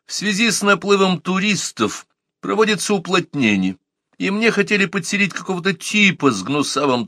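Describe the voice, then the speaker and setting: A man reading a calm, courteous old inventor. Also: on the high side, no echo, clean studio sound, voice pushed up, full character voice. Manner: calm, courteous, weighty delivery. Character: polite, composed older man, a self-assured inventor.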